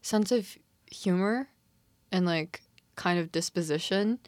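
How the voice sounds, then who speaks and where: She talks slowly in a lowish voice, with no echo in the recording. This young Canadian co-host keeps things loose and slangy on a podcast chat about a TV drama, speaking with emphasis.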